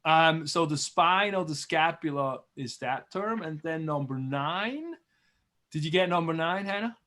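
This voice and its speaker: A man from Switzerland, a biology teacher, runs a class review over a video call. His voice sits a little high for a man. He talks in a chatty, encouraging way and says terms slowly and more than once. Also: expressive, pushed and bright.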